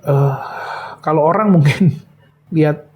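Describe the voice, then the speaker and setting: A middle-aged man giving an emotional personal testimony in an interview, speaking hesitantly with many pauses. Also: a little high, warm tone, slightly rough. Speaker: interview guest, bereaved father.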